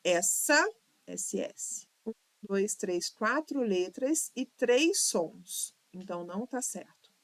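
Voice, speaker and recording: Slow, dry-voiced Brazilian teacher woman. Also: mid-range voice, animated, no room sound. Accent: Brazilian Portuguese. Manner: patient, counts syllables aloud, drawls words to sound them out. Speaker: Portuguese teacher for exam prep. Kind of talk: online lesson walking through exam questions.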